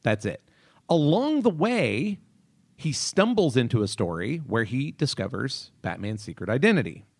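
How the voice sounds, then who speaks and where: A man's voice: medium pitch, big pitch swings, moderate pace, vocal fry, no echo. A man co-hosting a podcast, explaining things emphatically in casual chat. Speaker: podcast co-host.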